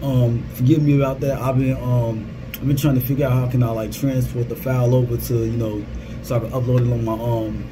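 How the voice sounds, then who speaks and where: A man's voice: medium pitch, little pitch movement, fairly quick. Casual man vlogging in a noisy little booth. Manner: informal, repeats phrases. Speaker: gaming content creator. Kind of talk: casual vlog update. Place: small security guard booth. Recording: clear vehicle and ambient background noise.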